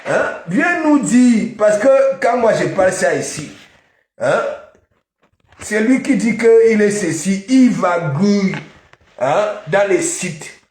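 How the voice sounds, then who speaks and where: A man's voice: high-pitched, big pitch swings, slow pace, a little mellow. A man hosting a casual chat, prodding his guest and chiming in with short agreements.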